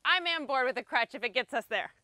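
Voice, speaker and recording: On an outdoor deck next to a grill, a woman in her thirties leads a relaxed, talkative cooking demo, narrating as she goes. As the instructor, she speaks fast and animatedly in a high, bright voice with a forceful tone.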